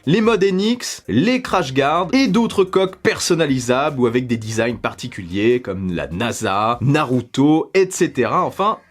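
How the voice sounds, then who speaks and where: A man's voice: medium pitch, very animated, a little slow, hardly any pauses. A man hosting a tech unboxing vlog, talking in a playful way with jokey asides. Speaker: tech YouTuber.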